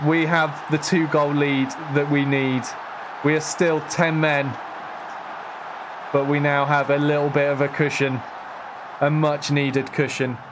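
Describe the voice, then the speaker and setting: A man commentating live on his football management game, excitable and self-mocking with sarcastic asides. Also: on the high side, unhurried, background noise.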